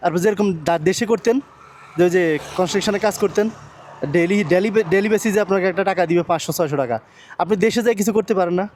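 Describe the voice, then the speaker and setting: A man with a Bangladeshi Bengali accent chatting on a city street outdoors, asking quick, coaxing, reassuring questions. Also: sits high, darkish tone, a little hiss or hum. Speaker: charity vlogger interviewing a street seller. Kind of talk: casual street conversation.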